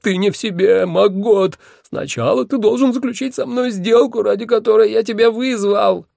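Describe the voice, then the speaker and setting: A man's voice: high voice, normal speed, creaky, a little mellow, no echo, clean studio sound, voice pushed up. A man voicing a drunk, pompous old sorcerer who pleads and blusters. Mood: blustering. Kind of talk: audiobook character voice.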